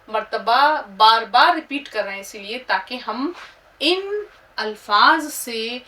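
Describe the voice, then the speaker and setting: A woman teacher spells each word slowly and patiently, letter by letter, for her learners. Her voice is bright and sits a little high. She sounds set back from the microphone. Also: far from the mic. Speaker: Urdu teacher.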